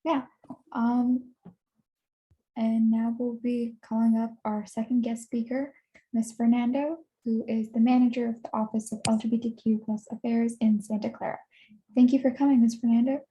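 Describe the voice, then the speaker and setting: A woman with a high-pitched but very mellow, soft tone moderates the event. She introduces the speakers and reads out her questions in a polite, scripted way. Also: level tone, moderate pace, rough recording.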